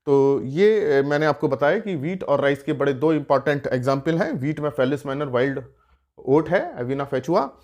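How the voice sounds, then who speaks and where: A man's voice: on the high side, lively intonation, moderate pace, a little mellow, highs cut off. A man teaching an exam-prep lesson on weeds, explaining step by step with rhetorical questions and frequent filler sounds.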